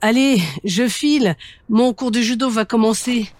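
A woman voicing a cheerful little girl in a children's storybook, in a bright, chirpy voice. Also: fairly high pitch, measured pace, no room sound, close to an everyday voice.

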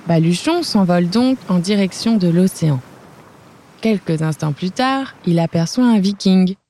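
A woman reading a children's story aloud as storyteller, clear and unhurried. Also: on the low side, lively intonation, dark tone, a little hiss or hum.

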